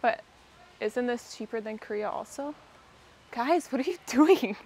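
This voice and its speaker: A young woman with a Minnesota accent, chatting casually in a vlog, wry and quick to laugh. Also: fairly high pitch, lively intonation, darkish tone, husky. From Minnesota, USA. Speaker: vlogger.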